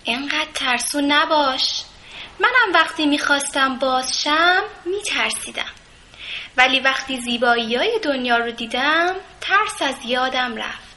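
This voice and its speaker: A woman voicing a kind, motherly rose bush that gently coaxes and advises a timid bud. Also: high voice, animated, a little hiss or hum, pitched above the performer's own voice. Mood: coaxing.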